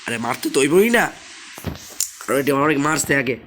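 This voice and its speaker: A young man, hoarse from a sore throat, chatting casually as he plays a game and keeps asking viewers to subscribe. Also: mid-range voice, sing-song, normal speed, fairly bright tone, a little hiss or hum. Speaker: gaming channel host. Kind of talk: casual gameplay commentary.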